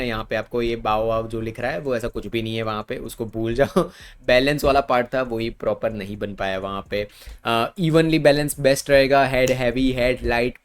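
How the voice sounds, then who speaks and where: A man with an Indian accent explaining badminton racket choice over slides in casual Hindi, repeating words for emphasis. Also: medium pitch. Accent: Indian Hindi with English terms. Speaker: badminton coach.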